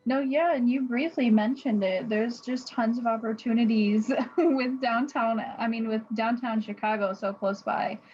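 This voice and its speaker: A woman's voice: fairly high pitch, moderate pace, hardly any pauses, a little mellow, lo-fi sound, a little hiss or hum. A young woman, a student ambassador chatting casually in a bubbly, giggly, effusive way. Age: young adult. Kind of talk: casual chat.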